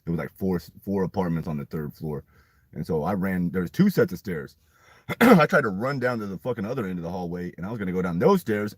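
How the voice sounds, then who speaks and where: A deep, husky man spins a rambling, profane story in a casual chat. His low voice has a rough, breathy edge. The sound is dry and close, with no room around it. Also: no room sound. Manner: rambling, profane, animated retelling. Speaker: podcast storyteller.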